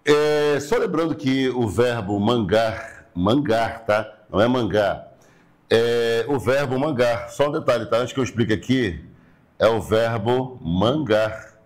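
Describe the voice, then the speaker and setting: Brazilian male teacher, recorded online lesson, explanatory and repetitive, frequent check-ins, mid-pitched voice. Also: a little slow. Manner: explanatory, repeats words and checks in with "tá?". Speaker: Portuguese grammar teacher. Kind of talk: recorded online class lecture.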